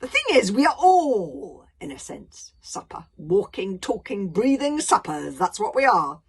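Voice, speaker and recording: A woman voicing a huge, sly, philosophical male dragon who talks slowly and theatrically, with cheerful menace. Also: medium pitch, big pitch swings, gravelly, husky, heavily acted. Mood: musing.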